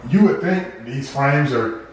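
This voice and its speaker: A man's voice: medium pitch, animated, a little slow, darkish tone, a little hiss or hum. An American man chatting casually as the vlogger's partner, picked up from across an echoey room. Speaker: vlogger's partner joining in off-mic. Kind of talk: casual chat. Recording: distant, very echoey room sound.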